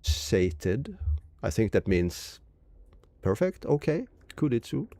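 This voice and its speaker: A man's voice: on the low side, big pitch swings, slow, warm tone, no echo. A man from Norway, casually commenting on a live game stream and reading game text aloud. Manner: reads game text aloud, muses to chat.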